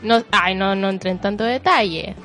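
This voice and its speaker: A woman's voice: mid-range voice, normal speed, fairly bright tone, faint music behind. A young Chilean woman co-hosting a casual talk show, playful and joking with dry humor. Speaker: co-host. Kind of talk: casual banter.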